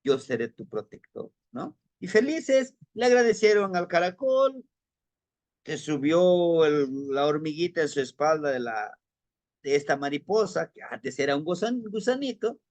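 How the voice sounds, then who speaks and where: A man telling an oral fable with a moral, often adding tag questions and addressing listeners warmly. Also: fairly high pitch, animated, a little slow, dry recording. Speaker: storyteller.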